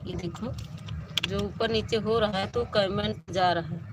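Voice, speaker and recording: A woman's voice: mid-range voice, steady tone, a little slow. Female live-streamer with a lilt, fed-up and repetitive, speaking into a phone mic over a noisy background. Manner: exasperated, complaining, repeats herself. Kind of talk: casual live-stream chat to viewers.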